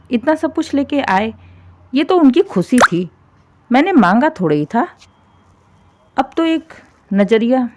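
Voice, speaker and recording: Woman doing an older mother-in-law, greedy, sharp-tongued, scolding, taunting, raised high voice, storybook. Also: muffled recording.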